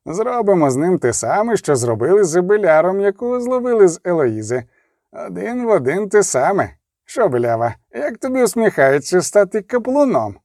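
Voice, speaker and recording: A man voicing furious, brutish young knights who snarl and shout insults in an audiobook. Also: high-pitched, big pitch swings, normal speed, dry recording, clean studio sound.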